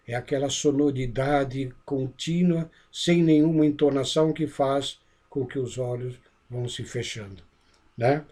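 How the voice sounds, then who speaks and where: A man's voice: mid-range voice, mellow. A man giving a lecture-style lesson on public speaking, explaining step by step and often checking in with his listeners. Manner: didactic, checks in with frequent "né?" and "ok?". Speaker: instructor of a speaker training course.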